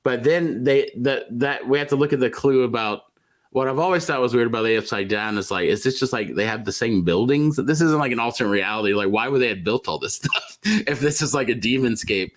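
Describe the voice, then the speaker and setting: A man's voice: mid-range voice, a little fast. A man co-hosting a casual podcast chat, rambling and full of filler words. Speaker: podcast co-host.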